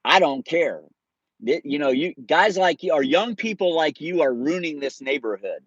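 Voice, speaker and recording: A man's voice: on the high side, expressive, normal speed, husky, no echo, pitched above the performer's own voice. An indignant, scolding old woman, as a man puts her on while telling a story, her voice only a little raised over his own. The sound is dull and lo-fi, with a dry, close feel. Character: angry elderly woman neighbor.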